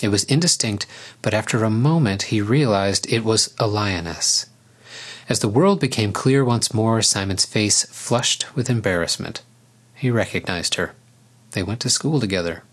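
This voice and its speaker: Calm man reading a story, lowish voice. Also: moderate pace, breathy edge. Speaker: narrator. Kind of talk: storybook narration.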